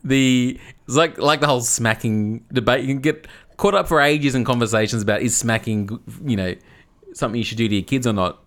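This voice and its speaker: A man's voice: mid-range voice, brisk. A man co-hosting a casual podcast, explaining a topic at length, often restarting and repeating words as he goes. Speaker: podcast co-host.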